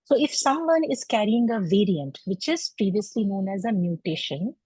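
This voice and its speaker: A woman, a clinical geneticist giving a measured, explanatory medical lecture over a video call. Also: medium pitch, lively intonation, a little mellow, breathy edge, dry recording. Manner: measured, explanatory, with frequent uh fillers. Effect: heard over a video call. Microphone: computer mic on a video call.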